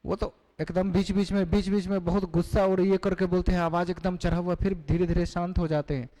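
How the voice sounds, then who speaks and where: A man's voice: high-pitched, level tone, a little fast, dark tone. A male teacher giving a classroom lecture, explaining terms and putting questions to the class. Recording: long hall reverb.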